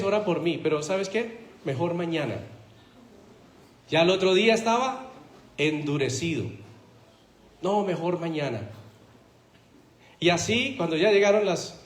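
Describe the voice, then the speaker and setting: A man preaches from the pulpit of a church, pressing his point with one rhetorical question after another. His voice sits on the higher side for a man. The sound rings around an echoey hall. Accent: Spanish-speaking Latin American. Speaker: pastor. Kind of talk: sermon.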